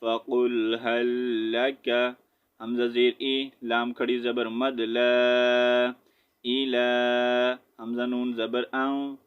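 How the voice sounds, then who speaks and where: A man teaching Quran recitation, sounding out each letter and vowel slowly before blending the word, with quicker explanatory asides. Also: medium pitch, completely flat delivery, smooth. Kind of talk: slow spelled-out Quran recitation lesson. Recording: dull lo-fi audio.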